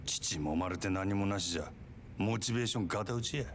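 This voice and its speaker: An actor playing a blunt cabaret manager in a video game, with a gruff manner and an Osaka Japanese accent. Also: male voice, on the low side, very fast, slight background noise, lightly acted. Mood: gruff, businesslike. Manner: gruff, blunt, rough colloquial speech. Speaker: club manager.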